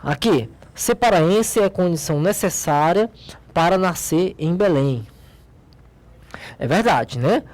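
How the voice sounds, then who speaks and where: In this recorded logic lesson, a woman with a lowish, animated and slightly mellow voice speaks slowly. She is Brazilian, with a Brazilian Portuguese accent, and she goes through the exercises step by step, highlighting details and answering questions she raises herself.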